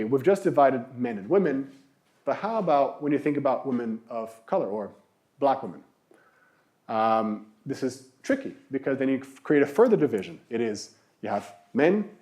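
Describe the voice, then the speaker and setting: A man's voice: mid-range voice, warm tone. A man giving a university philosophy lecture, explaining with rhetorical questions and emphatic repetition. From Brazil.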